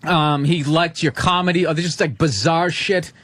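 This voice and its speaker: A man's voice: a little high, normal speed, no echo. A man telling a comic story in casual radio banter, acting out what people said. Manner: animated storytelling, acting out quoted lines. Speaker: comedian guest on radio talk show.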